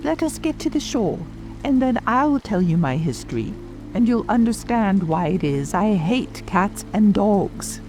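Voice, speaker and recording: A woman voicing a touchy, haughty, easily offended mouse with a shrill, trembling voice in a dramatic audiobook. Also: big pitch swings, unhurried, a little mellow, low-quality recording. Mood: grave. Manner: passionate, haughty. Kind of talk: dramatic audiobook character reading. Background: music, rain ambience.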